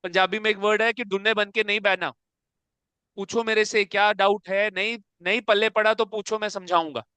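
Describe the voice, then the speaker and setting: A man's voice: sits high, fairly even intonation, a little fast, bright, forceful tone, no room sound. A man teaching an accounts class to a room of students, coaxing them along and checking often whether they have understood. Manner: coaxing, calls students "beta", keeps asking if it is clear. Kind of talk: classroom lecture.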